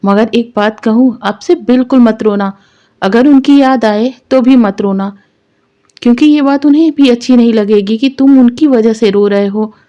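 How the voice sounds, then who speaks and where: A woman reading as a gentle, fussing young man. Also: a little high, moderate pace, highs cut off, lightly acted. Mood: soothing.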